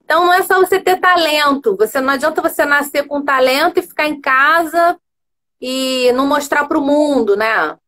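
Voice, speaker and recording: Lady hosting a live chat, high voice, keeps asking "get it?". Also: normal speed, pushed and bright, a little hiss or hum. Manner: emphatic, many rhetorical checks. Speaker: host. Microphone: video call.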